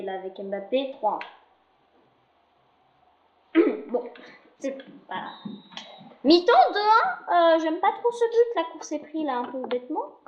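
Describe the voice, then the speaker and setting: Young woman, high voice, chatty and jokey, casual game commentary, echoey room. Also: lo-fi sound. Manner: chatty, jokey, swears often. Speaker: gaming video creator.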